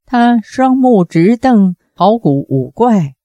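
A woman reads a martial-arts novel aloud at a slow, measured pace. Her tone is mellow and on the darker side. The sound is close and dry. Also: medium pitch, very animated, no echo. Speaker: narrator.

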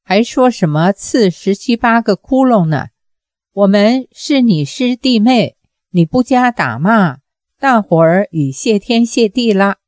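A woman doing a sulky, sharp-tongued young swordswoman. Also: mid-range voice, expressive, unhurried, no room sound, studio quality, natural voice. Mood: resentful. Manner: cold, scolding.

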